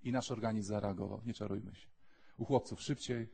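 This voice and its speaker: Husky-voiced priest preaching with animated storytelling. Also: male voice, lowish voice, a little fast. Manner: animated storyteller, jumps into quoted voices and back to quiet earnest urging. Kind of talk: lively sermon with acted-out dialogues.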